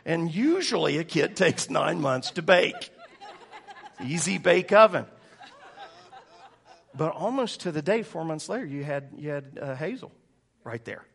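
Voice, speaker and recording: A man preaches a lively sermon, breaking into laughter as he tells funny stories. His voice sits a little high for a man, and he keeps a loose, joking tone with the congregation. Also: unhurried, vocal fry, long pauses, breathy edge. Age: 40s. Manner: joking, storytelling, laughing often. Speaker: pastor.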